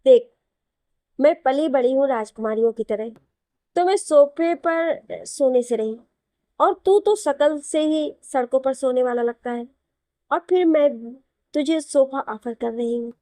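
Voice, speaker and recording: Cheeky spoilt young bride, read by a woman narrator in an audio story, fairly high and mellow, close and dry. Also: unhurried, no room sound. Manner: teasing, cheeky retorts. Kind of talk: Hindi audio novel reading.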